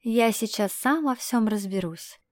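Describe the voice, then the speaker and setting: A woman reading an audiobook and voicing a sly, anxious young male familiar, speaking slowly and deliberately. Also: fairly high pitch, no echo, natural voice. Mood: confident.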